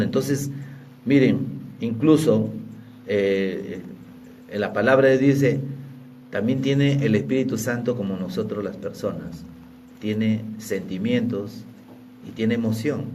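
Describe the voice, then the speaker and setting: A man's voice: lowish voice, a little mellow, slight background noise. Peruvian man preaching from a distance. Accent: Peruvian Spanish. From Peru. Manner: teaching, frequent tag questions. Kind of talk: sermon.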